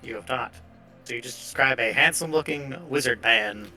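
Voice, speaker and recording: A man running a tabletop game as game master over voice chat, talking in a relaxed, conversational way with quick asides. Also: mid-range voice, soft background music.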